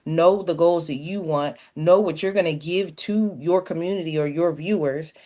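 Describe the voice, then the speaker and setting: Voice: mid-range voice, moderate pace, warm tone. Earnest, reflective livestream guest. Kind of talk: casual livestream chat.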